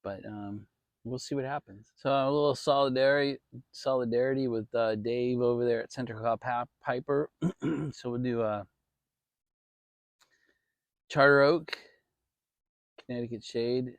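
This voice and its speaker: A man's voice: medium pitch, fairly even intonation, unhurried, pauses often, no room sound. An American man giving a casual, rambling, mildly salty chat to his viewers from his backyard outdoors. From Maryland, United States. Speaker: vlog host.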